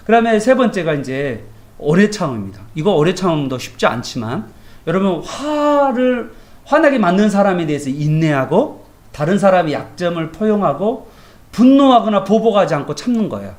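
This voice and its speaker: A man's voice: sits high, normal speed. A male pastor giving a morning devotion sermon in a colloquial, anecdotal way, often asking his listeners rhetorical questions. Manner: animated, colloquial, tells everyday anecdotes; asks the congregation rhetorical questions.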